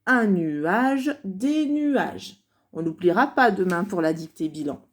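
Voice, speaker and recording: Woman teacher for young kids, very slow and sing-song, syllable by syllable. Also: mid-range voice, animated. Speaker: primary school teacher. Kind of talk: slow dictation lesson for young children.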